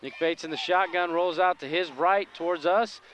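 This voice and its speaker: A man's voice: sits high, normal speed, fairly bright tone, muffled recording. Easygoing guy doing play by play for a small town football game, faint outdoor noise behind. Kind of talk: local high school football commentary.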